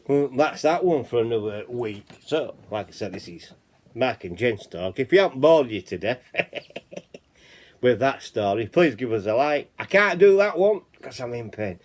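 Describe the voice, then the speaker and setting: Low-pitched with a darkish tone, a Yorkshire man hosts a laid-back chat channel. He rambles while reading out reports and keeps saying "you know what I mean".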